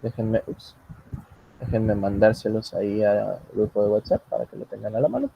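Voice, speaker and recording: Husky man teaching English online. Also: lowish voice, normal speed, lo-fi sound. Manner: patient, joking asides, switches between English and Spanish. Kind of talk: online class, bilingual teaching. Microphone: computer mic on a video call.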